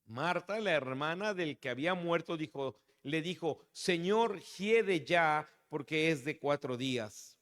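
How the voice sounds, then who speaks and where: High-voiced male preacher in a reverberant hall. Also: animated, unhurried, few pauses, a bit bright. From Mexico. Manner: addresses listeners as brother. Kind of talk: sermon with scripture reading. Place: church hall.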